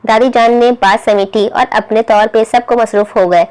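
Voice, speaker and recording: Woman reading a novel aloud, highish voice. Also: fairly even intonation, normal speed, darkish tone, clean tone, rough recording. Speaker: audiobook narrator. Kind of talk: scripted novel narration.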